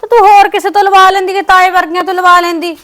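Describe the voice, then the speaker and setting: A soothing, peacemaking grown daughter, played by a woman in a homemade family drama. She pleads gently in a high voice at a brisk pace. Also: little pitch movement. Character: grown married daughter visiting her mother, peacemaker.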